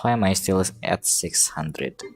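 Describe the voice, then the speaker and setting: Game music plays under this dry recording of a livestreamer muttering to themselves on stream. Their voice is low and darkish, and they chat casually and hesitantly at a measured pace.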